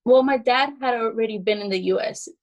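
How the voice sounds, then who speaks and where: A woman's voice: on the high side, a little fast. A woman from Costa Rica telling her family's story casually, with many fillers, in a documentary interview.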